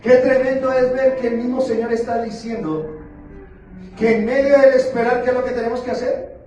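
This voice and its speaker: A man preaching a sermon as pastor, playful and questioning, slowing down for emphasis. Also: extremely high pitch, dark tone, lo-fi sound. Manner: playful, asks the congregation questions, slows down for emphasis. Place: church sanctuary. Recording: very echoey church hall, far from the mic, with music behind.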